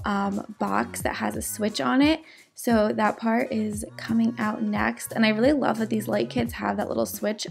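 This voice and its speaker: This woman's mid-range voice is gravelly and a little mellow as she gives a casual crafting voice-over for her DIY vlog at home. Being sick makes her voice crack now and then, yet she remains upbeat and chatty, peppered with fillers.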